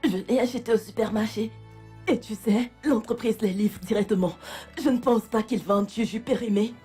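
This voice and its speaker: An actress dubbing a distraught wife, who pleads and calls on God in a dubbed film. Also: female voice, fairly high pitch, moderate pace, mellow, soft background music, lightly acted. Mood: grieving. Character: distraught wife, adult woman.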